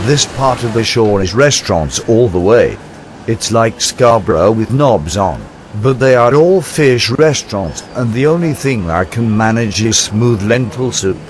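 Older male narrator for a travel video, wry and chatty, slightly low voice over heavy traffic noise. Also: expressive, a little slow. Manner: chatty, wry, self-deprecating storytelling.

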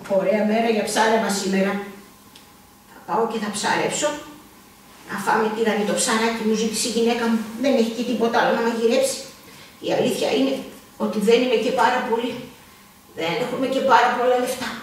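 A woman's voice: fairly high pitch, steady tone, a little hiss or hum, natural voice. A woman voicing a poor, cheerful, kind fisherman in a school puppet show, chatting to the audience. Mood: content. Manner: jolly, chatty, talks to the audience. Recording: echoey room, far from the mic.

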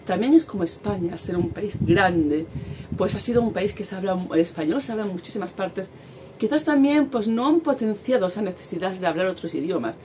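A Spanish woman in her forties, with a Spanish accent, vlogs casually to camera in a garden, gesturing as she talks. Her mid-range voice is animated and fairly quick, and there's some background noise.

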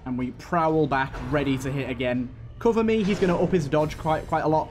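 With a fairly high, brisk delivery, the male host of a gaming channel narrates his play casually and works out his tactics out loud. Game music runs underneath.

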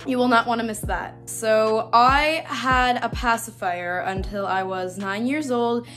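A woman's voice: on the high side, a bit bright, soft background music. Chatty teen girl with a slight lisp. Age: teens. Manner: chatty, bubbly, quick asides. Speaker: YouTuber. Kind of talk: casual vlog talk to camera.

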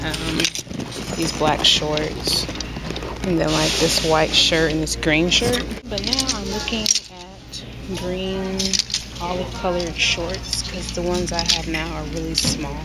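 A vlogger chats casually, rambling and laughing often, in a fairly low, level voice at a slow pace. Loud background noise fills the recording.

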